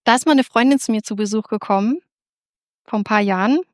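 A woman telling an audience a lively personal faith story, excitable and full of restarts. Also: a little high, a little fast, no room sound, studio quality. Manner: animated, excitable, with many restarts. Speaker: speaker giving a personal faith testimony.

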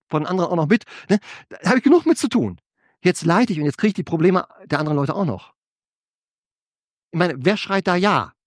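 A man preaching a sermon, asking his congregation rhetorical questions and swinging between loud emphasis and quiet asides. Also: sits high, no room sound, studio quality. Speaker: pastor.

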